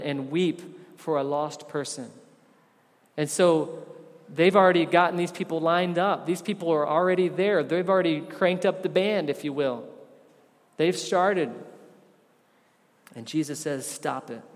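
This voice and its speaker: A man preaching a sermon as a pastor, rising to loud emphatic stretches and dropping to soft, low asides. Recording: long reverb of a large room.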